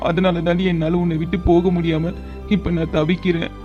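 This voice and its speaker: A woman's voice: on the low side, flat delivery, a little fast, highs cut off, over loud music, close to an everyday voice. Woman voicing a lovestruck cartoon young man. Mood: tender. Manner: coaxing, playful. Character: young man in love, pleading and teasing. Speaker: hero. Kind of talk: cartoon love story dub.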